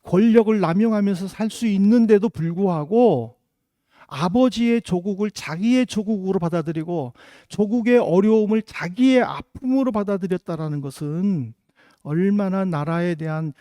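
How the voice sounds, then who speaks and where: A man's voice: sits high, mellow, dry recording, studio quality. A middle-aged man from South Korea, a pastor giving a sermon with earnest storytelling and rhetorical questions. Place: church in Germany.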